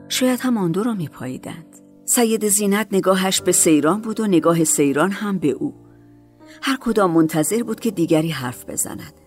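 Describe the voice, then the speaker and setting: A woman narrating a storybook in a calm, measured reading voice. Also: medium pitch.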